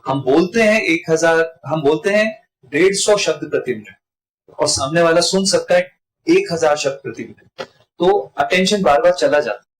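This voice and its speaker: Emphatic middle-aged male trainer, higher voice. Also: normal speed, rough recording. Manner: emphatic, shifts stress on repeated sentences. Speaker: business trainer. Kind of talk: workshop talk to a live group.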